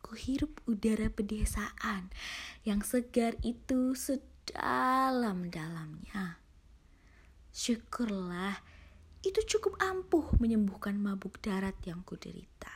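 A woman's voice: mid-range voice, lively intonation, slow pace, husky. A woman who hosts a horror story show, reading aloud as a narrator. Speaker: host and reader of an online horror story show.

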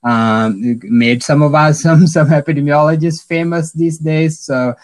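A middle-aged man from South Sudan, an epidemiologist answering interview questions in a halting way with many fillers and restarts. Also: a little high, no room sound, low-quality recording. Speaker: epidemiologist guest.

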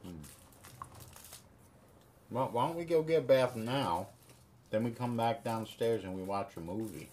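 Brief: hoarse woman, extremely deep voice, calm with a kid, noisy home recording. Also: measured pace, pauses often. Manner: calm, gentle with a child. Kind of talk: casual home chat. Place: family home indoors.

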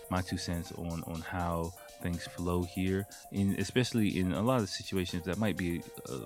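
A man with a low, slightly mellow voice hosts his own podcast from home late at night, stuffy-nosed from a cold. His solo chat is casual and rambling, sprinkled with ums and jokey sound effects.

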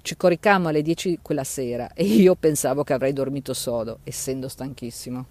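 A man's voice: medium pitch, a little fast, a little mellow, close to an everyday voice. A man voicing a chatty grown man who muses while telling a tale, in a storybook reading. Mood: musing.

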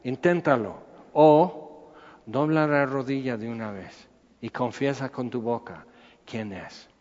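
Animated preacher in a reverberant hall. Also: male voice, mid-range voice, slow pace. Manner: animated, acts out quoted voices. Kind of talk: sermon. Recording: dull sound in a reverberant hall.

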